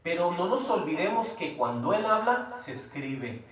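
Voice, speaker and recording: In a church, a man with a high-sitting voice and big pitch swings preaches a sermon at normal speed. He is emphatic and repetitive, often posing rhetorical questions. The room is very echoey and he sounds far from the mic.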